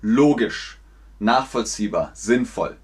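Slow, deliberate German teacher, man. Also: medium pitch. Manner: slow and deliberate, repeats words for learners. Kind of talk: slow, clear language lesson.

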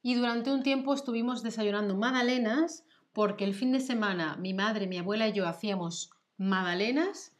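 A woman from Spain with a Spanish accent leads a casual chat with a mid-pitched voice. She explains words patiently and clearly, like a teacher. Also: moderate pace, hardly any pauses. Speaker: host. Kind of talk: casual chat with a language lesson.

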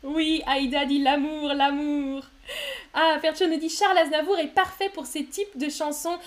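A woman teaching on a casual live stream, talking slowly and clearly with many pauses and fillers. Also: sits high, steady tone. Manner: slow and clear, with many "euh" fillers, sings song excerpts. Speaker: French teacher streaming to learners.

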